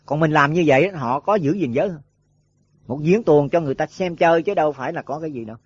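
Rambling monk, lo-fi. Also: male voice, fairly high pitch, quick pace, husky, no room sound. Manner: rambling, repeats filler words, rhetorical questions. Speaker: Buddhist monk teacher. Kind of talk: dharma talk to monks. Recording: dull lo-fi dry recording.

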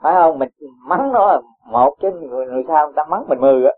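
A man gives a dharma talk in a husky, somewhat high voice. He explains patiently with everyday examples and soft chuckles. The sound is thin and lo-fi, like a phone line. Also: lively intonation, fast. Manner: gentle, chuckling, homely examples. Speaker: Buddhist teacher. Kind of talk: dharma talk answering a follower.

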